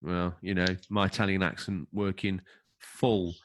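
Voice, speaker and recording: Low-voiced man co-hosting a podcast. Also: little pitch movement, a little slow. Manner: jokey, emphatic, stumbles over names. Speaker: podcast co-host. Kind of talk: casual podcast chat, reading a script.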